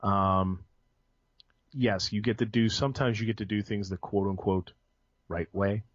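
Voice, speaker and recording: In a relaxed podcast interview, a young male guest discusses his IT work at a measured pace, his lowish voice holding a steady tone. He wanders off track with plenty of ums, restarts and self-corrections, and the audio is dull, lo-fi, dry and echo-free.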